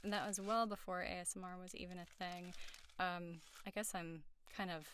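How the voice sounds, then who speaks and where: A woman in her thirties rambling in a soft-spoken ASMR voice, halting and restarting, now and then slipping into a whisper. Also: medium pitch, slight background noise. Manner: drifts into whispers. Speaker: ASMR creator. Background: tapping and rainstick sounds.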